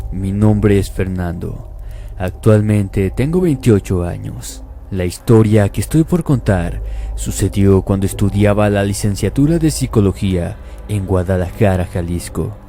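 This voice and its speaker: Dark, low-voiced male horror narrator. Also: a little slow, faint music behind. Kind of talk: scripted first-person horror narration.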